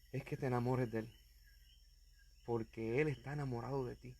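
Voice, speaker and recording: A man's voice: mid-range voice, mellow. Earnest man preaching a sermon. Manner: earnest, fervent, addresses listener directly. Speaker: evangelist preacher.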